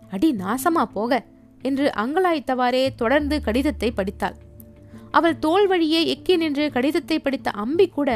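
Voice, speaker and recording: A woman narrating a short story aloud in an expressive reading voice. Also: high-pitched.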